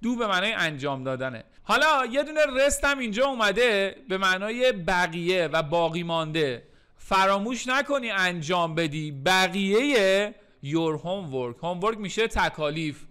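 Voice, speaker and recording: A man teaching English in a recorded lesson, repeating English phrases slowly and then explaining them, with playful joking asides. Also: high-pitched, pushed and bright, clear, resonant tone. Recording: faint music underneath.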